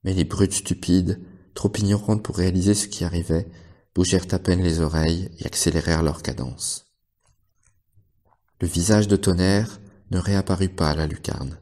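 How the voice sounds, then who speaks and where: A man with a very low voice reads a story aloud as a librarian would. His narration is steady and measured, taking the text at an even pace. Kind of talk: audiobook narration.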